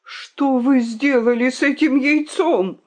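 A woman's voice: high-pitched, slow, darkish tone, pitched above the performer's own voice. A woman doing a fussy old veteran rooster. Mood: fretful. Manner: earnest, fretting, pleading.

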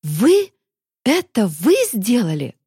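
A woman's voice: mid-range voice, big pitch swings, slow pace, warm tone, husky, no room sound, studio quality, exaggerated voice. A woman voicing a defiant frightened young woman. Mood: horrified. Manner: defiant, indignant outbursts.

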